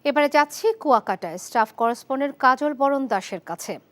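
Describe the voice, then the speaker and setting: Female news anchor, Bangladeshi accent, high voice, live handovers and questions to field reporters. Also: expressive, brisk.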